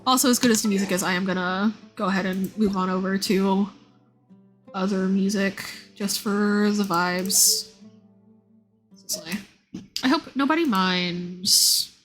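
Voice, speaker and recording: Here a female streamer speaks at a measured pace in a mid-range, fairly bright voice while she games. She keeps up loose, wandering commentary, thinking out loud, over music in the background.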